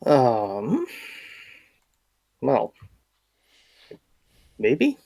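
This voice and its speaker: A man playing a tabletop game, chatting casually in a hesitant, halting way. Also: mid-range voice, huge pitch swings, creaky, mellow.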